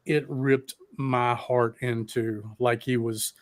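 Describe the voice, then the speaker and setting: Speaking slowly in a mid-range voice, this podcast host runs a live streamed talk show. He fumbles with the streaming equipment while chatting loosely, swearing plenty and rambling with excitement.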